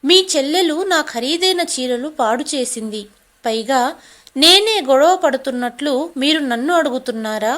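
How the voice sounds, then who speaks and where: A woman voicing an angry, bossy young wife who scolds and shouts in a storybook drama. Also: high voice, expressive, normal speed. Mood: angry scolding.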